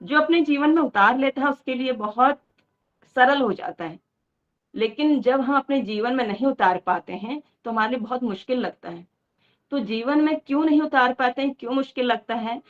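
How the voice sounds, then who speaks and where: A woman with a fairly high voice gives an earnest devotional talk. She tells a moral story and keeps asking rhetorical questions. The recording sounds dull and lo-fi. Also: normal speed. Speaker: devotional speaker.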